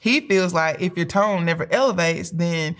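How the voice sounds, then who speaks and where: A woman co-hosting a relationship podcast with her husband, in calm, measured casual chat with a teasing edge. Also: on the low side. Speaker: relationship coach, co-host.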